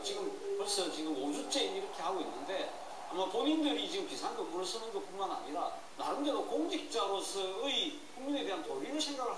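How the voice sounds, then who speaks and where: A man giving live political commentary outdoors at a street rally, often phrasing points as rhetorical questions. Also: high voice. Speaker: panel commentator. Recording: echoey, distant, noisy outdoor broadcast.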